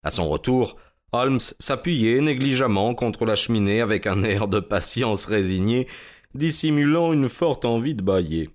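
An actor narrating a detective case as the detective's male companion, in a measured storytelling way. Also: mid-range voice, animated, close to an everyday voice. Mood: calm. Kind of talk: scripted narration.

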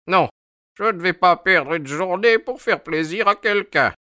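A man reading a story aloud voices a stubborn, wheezing old sailor who talks in a high, querulous way. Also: animated, a little slow, bright, forceful tone, no room sound, clean studio sound, full character voice. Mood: indignant. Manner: querulous, obstinate.

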